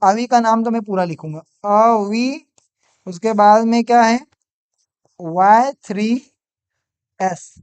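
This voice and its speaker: A man teaching an English class live online from a mobile phone, slowly repeating each sentence, calling out students by name and praising their answers. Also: high voice, clean tone.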